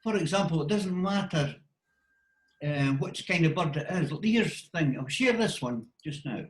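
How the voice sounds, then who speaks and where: A man's voice: on the high side, expressive, normal speed. Scottish male guest, plain-spoken practical advice, echoey video-call sound. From Scotland. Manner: practical, step-by-step advice with short instructions. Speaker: wildlife photographer guest. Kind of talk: casual explanatory interview talk.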